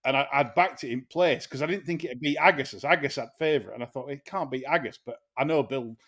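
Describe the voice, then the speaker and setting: A man's voice: medium pitch, quick pace, a bit bright, slightly rough. A man hosting a racing podcast, chatting casually with sweary, laughing banter. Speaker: podcast host. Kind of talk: casual chat.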